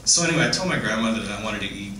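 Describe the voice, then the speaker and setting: A middle-aged man giving an informal, tender family eulogy in a halting, faltering way, telling simple anecdotes. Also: fairly low pitch, expressive. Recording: echoey room, distant mic, clear background noise.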